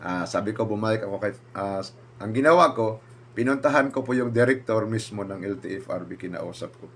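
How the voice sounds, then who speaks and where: A man's voice: on the low side, fairly quick, breathy edge. A man, a pastor, telling a personal story and acting out what others said. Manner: animated, acts out quoted speakers with raised voice.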